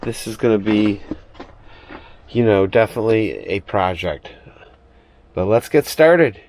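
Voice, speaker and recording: A man's voice: fairly low pitch, animated, a little slow, a little mellow. A man chatting casually and thinking aloud as he vlogs about chores inside a small RV trailer. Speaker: vlogger. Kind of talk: casual vlog chat, narrating chores.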